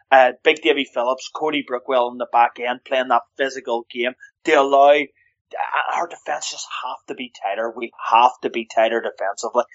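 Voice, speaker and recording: A hockey commentator makes his points with force and repeats them for emphasis. His voice sits in a middle pitch. The recording sounds dull and muffled. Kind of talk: casual sports chat.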